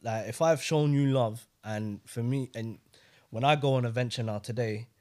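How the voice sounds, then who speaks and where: A man's voice: medium pitch, moderate pace, darkish tone. London man chatting in roadman slang. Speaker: podcast participant. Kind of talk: casual podcast chat.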